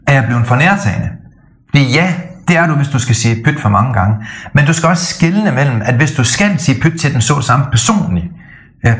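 A middle-aged man co-hosting a podcast, talking in a casual, animated way that often stumbles and restarts. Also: medium pitch. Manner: animated storytelling with frequent restarts. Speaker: podcast co-host. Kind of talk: casual chat.

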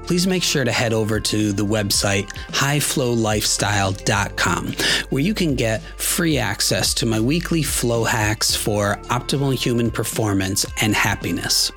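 A man hosting a podcast, asking short interview questions in a steady delivery. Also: on the low side, unhurried, soft background music. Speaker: podcast host. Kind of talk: interview questions and scripted plug.

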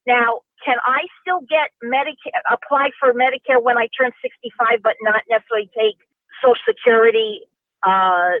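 A woman's voice: fairly high pitch, fairly even intonation, normal speed, dry recording. A woman in her sixties calling in to a talk show, rambling and restarting her questions as she asks them. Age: 60s. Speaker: caller. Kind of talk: call-in question. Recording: tinny phone line.

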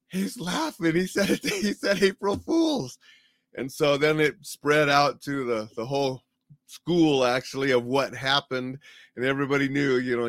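A middle-aged man casually telling a personal story, animated and chuckling now and then as he goes. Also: medium pitch, dry recording, studio quality.

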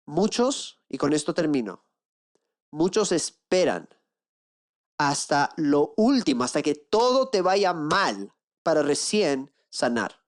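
In a lively sermon, a man speaking as an inner-healing coach acts out the people he quotes and fires off rhetorical questions. To drive his points home, he slows down and sinks into a low hush.

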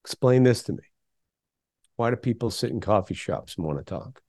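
A man's voice: lowish voice, expressive, moderate pace, vocal fry, a little mellow, no room sound, studio quality. A middle-aged man, a guest on a podcast interview, speaking emphatically and firing off rhetorical questions. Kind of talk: conversational interview.

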